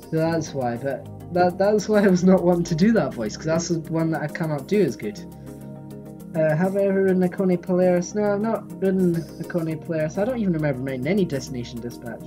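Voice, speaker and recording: A live streamer giving casual commentary while playing a game, thinking aloud and answering chat. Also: medium pitch.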